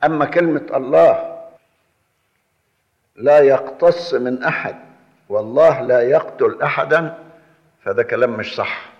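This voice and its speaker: A man with an Egyptian Arabic accent preaching a sermon, arguing his points in a measured, explaining way. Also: mid-range voice. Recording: echoey hall, dull lo-fi sound.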